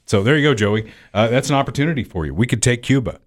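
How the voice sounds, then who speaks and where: A man co-hosting a podcast, chatting casually about the news in a drawn-out, conversational way. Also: medium pitch, expressive. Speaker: podcast co-host. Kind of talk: casual political chat.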